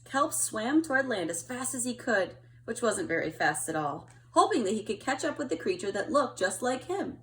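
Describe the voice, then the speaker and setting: High-voiced woman reading a storybook aloud. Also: very animated, normal speed, hardly any pauses, a bit bright, slight background noise. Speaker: storybook reader. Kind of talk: expressive children's read-aloud narration.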